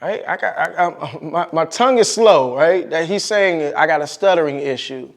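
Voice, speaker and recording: A man's voice: fairly high pitch, expressive, normal speed. A man coaching on public speaking in a fervent, preacher-like way, calling out "come on" and restarting his words. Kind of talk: faith-based motivational talk. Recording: clear music bed under voice. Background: music.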